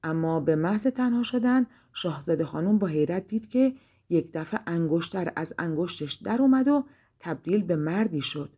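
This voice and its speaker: A woman narrating a fairy-tale audiobook in a calm storytelling manner. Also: fairly low pitch, breathy edge.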